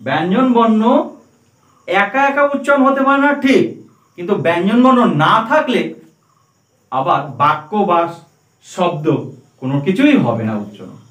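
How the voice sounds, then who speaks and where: A man's voice: high voice, very animated, moderate pace, pauses often, a bit bright, recorded from a distance. A man teaching a class, quizzing pupils one by one and spelling out letters for them. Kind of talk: classroom lesson. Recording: roomy classroom, voice from afar.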